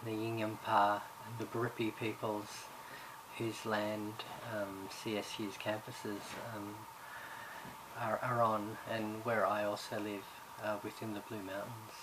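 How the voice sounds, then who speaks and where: As subject coordinator, a man from Ireland who was raised in Australia records a course introduction at a measured pace. His voice is on the low side and flat, and he stumbles through with frequent fillers and restarts. Background noise can be heard.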